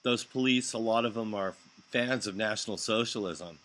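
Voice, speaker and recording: A man's voice: lowish voice, moderate pace, a bit bright, poor audio. A man hosting a casual live stream chat, making wry, skeptical asides. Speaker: show host.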